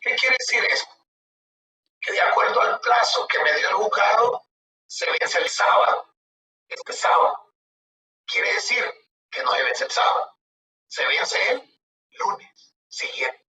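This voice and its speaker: A man with a high voice teaches a law class, reading legal text and then unpacking it in plain, conversational terms. He keeps checking in with his listeners through rhetorical tag questions. He sounds far from the mic, with a roomy echo and steady background noise. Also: unhurried, pauses often. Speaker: law lecturer. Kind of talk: lecture reading and explaining legal articles.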